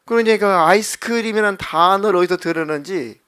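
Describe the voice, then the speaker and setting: Animated high-voiced male pastor. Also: fast talker, smooth. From South Korea. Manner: animated, acts out children's and God's voices. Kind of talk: sermon. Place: church sanctuary.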